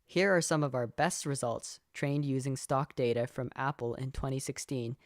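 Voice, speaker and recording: A young man from Canada walks through a programming project in a steady, explanatory voice-over. His pitch sits in a middle range. The sound is close and dry, with no room around it. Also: normal speed, dry recording. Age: young adult. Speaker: student presenter. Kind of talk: scripted tutorial narration.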